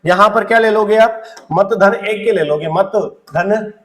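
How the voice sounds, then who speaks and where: A man with a high voice teaching an energetic exam-prep lesson. He keeps firing questions at his students and answering them himself, with playful banter. His voice sits a little back from the mic in a roomy, echoing space. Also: unhurried, distant mic. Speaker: Hindi grammar teacher.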